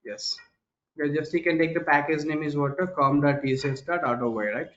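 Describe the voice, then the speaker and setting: A male programming teacher with an Indian English accent, his voice sitting a little high for a man. He drills the class by repeating key terms and tossing back "what?" questions. The call audio is dull and echoey, like a recorded online class. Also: steady tone, a little fast, fairly bright tone. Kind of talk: live online class lecture.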